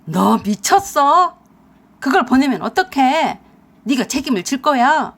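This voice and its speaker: A woman's voice: medium pitch, big pitch swings, moderate pace, husky. A woman voicing a shameless young husband in a radio drama, pleading and defensive. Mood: panicked. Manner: defensive, pleading then shouting. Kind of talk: Korean radio drama acting.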